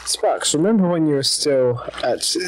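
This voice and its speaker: A man in a casual gaming chat, talking haltingly with many fillers. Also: on the high side, expressive, rough recording. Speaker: guest player.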